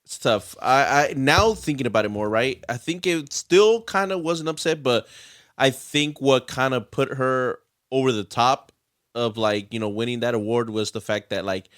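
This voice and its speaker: Casual male podcast host, mid-pitched, dry close mic, relaxed rambling delivery. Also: normal speed, no room sound. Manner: relaxed, leads the recap with filler words. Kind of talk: casual film podcast chat.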